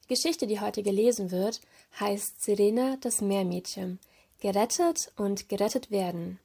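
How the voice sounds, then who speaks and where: A woman hosting a library's children's afternoon, reading a children's story aloud in a calm, clear way. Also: medium pitch, normal speed.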